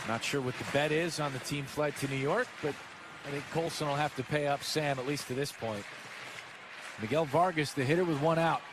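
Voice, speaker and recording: Speaking briskly in a fairly high voice, an American radio announcer delivers live baseball play-by-play from the stadium booth, with the ballpark's ambience clearly audible in the background.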